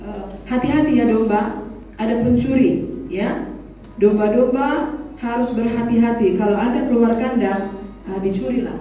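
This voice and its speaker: A woman's voice: on the high side, moderate pace, pauses often, mellow. A woman preaching a sermon in a church, scolding her listeners and mimicking voices in casual speech. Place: church hall. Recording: very echoey church hall, mic at distance.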